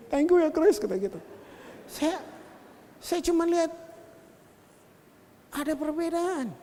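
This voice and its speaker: High-voiced preacher guy telling stories in his sermon, doing everyone's voices, big echoey church hall. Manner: animated storyteller, quotes people in slangy voices. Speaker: pastor. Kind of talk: sermon with storytelling.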